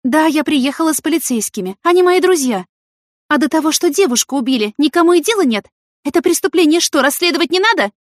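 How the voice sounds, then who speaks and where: A woman's voice: high-pitched, animated, fast, no room sound, clean studio sound, voice pushed up. A woman voicing a curious, meddling young woman who asks eager questions. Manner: eager, inquisitive.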